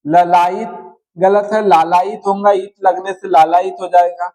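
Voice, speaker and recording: A man's voice: high voice, level tone, a little slow, mellow, rough recording. A man teaching a Hindi spelling lesson, going through words one at a time and often checking in with his students. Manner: explains word by word, often checks in with "है ना". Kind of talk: slow spelling-correction lesson.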